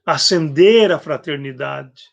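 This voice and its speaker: Slow, gravelly Brazilian preacher. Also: male voice, a little high. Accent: Brazilian Portuguese. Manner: slow, reflective preaching that acts out gospel quotes and clears his throat often. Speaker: spiritist speaker. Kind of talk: spiritist sermon on a live stream.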